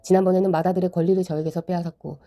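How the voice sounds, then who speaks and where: A woman's voice: on the low side, little pitch movement, racing, warm tone, natural voice. A woman reading the lines of a wronged elder son who pleads with his father. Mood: pleading.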